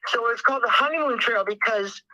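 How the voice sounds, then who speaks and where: A woman's voice: on the high side, brisk, sharp tone, no room sound, lo-fi sound. A woman guest coming through a speakerphone, chatting casually and reacting eagerly. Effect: heard through a speakerphone. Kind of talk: casual chat.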